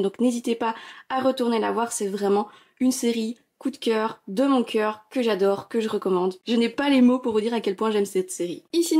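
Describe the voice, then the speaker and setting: A young adult woman from France, chatty and enthusiastic as she narrates a casual shelf-tour vlog, filling pauses with little hesitations. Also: a little high, a little mellow. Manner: chatty and enthusiastic, gushing, many euh fillers. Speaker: manga collection vlogger.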